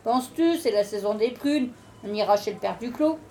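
A woman's voice: fairly high pitch, animated, moderate pace, warm tone, slight background noise. An actress playing a thrifty, no-nonsense mother in a natural radio drama style. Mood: dry, practical. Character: thrifty, no-nonsense village mother, easily exasperated.

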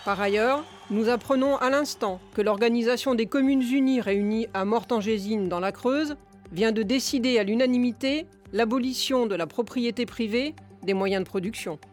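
A woman reading a parody news bulletin in a brisk, matter-of-fact newsreader manner. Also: fairly high pitch, a little mellow. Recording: faint music under the voice.

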